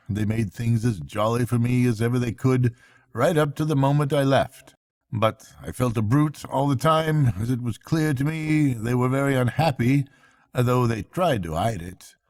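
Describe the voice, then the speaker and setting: A man acts out a worried water rat from a bedtime storybook, raising his voice high and keeping it a little mellow. Troubled, he confides gravely and earnestly, like a kind friend sharing his troubles.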